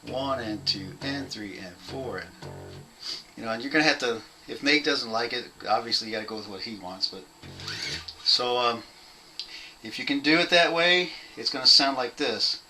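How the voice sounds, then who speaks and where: A young man casually teaching a bass part at home, rambling, apologizing and laughing at himself as he counts out beats. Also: animated, moderate pace, bright, forceful tone, faint music behind, rough recording. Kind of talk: casual home video lesson.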